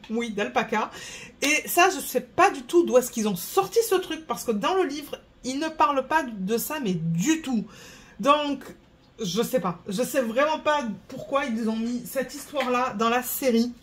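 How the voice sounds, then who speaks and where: A woman's voice: high-pitched, animated, a little slow. A woman vlogger chatting casually, rambling and searching for words while she sorts craft beads. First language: French. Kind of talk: casual chat.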